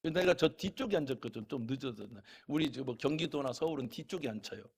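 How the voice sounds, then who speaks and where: A middle-aged man preaching a church sermon, telling folksy stories and swinging between loud calls to the congregation and quiet, chatty asides. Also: medium pitch, expressive, fairly quick, creaky, husky. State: a little unwell. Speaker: pastor.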